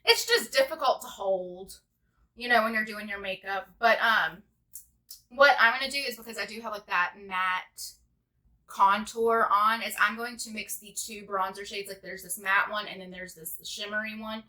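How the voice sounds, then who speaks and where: A woman's voice: mid-range voice, normal speed, bright, forceful tone. A woman in her twenties chatting casually through a makeup tutorial, rambling with lots of "like". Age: 20s. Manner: rambling, chatty, heavy use of "like". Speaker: beauty vlogger.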